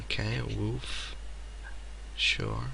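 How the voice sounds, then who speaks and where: A man's voice: on the low side, big pitch swings, extremely slow, creaky, sharp tone, husky, dry recording, rough recording. A man co-hosting a game stream, muttering playfully to himself as he plays. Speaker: co-host playing the game on stream. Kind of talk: casual gameplay chatter.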